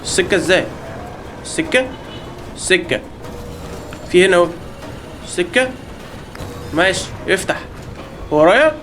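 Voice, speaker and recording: شاب بلهجة مصرية يعلق على لعبة رعب وهو يلعب، يصرخ ويهزر مع المتابعين. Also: male voice, high-pitched, expressive, normal speed, pauses often, faint music behind. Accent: Egyptian Arabic. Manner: panicky, yelling in bursts while being chased; jokey, talks to viewers and the game. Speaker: gaming channel host. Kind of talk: live horror game commentary.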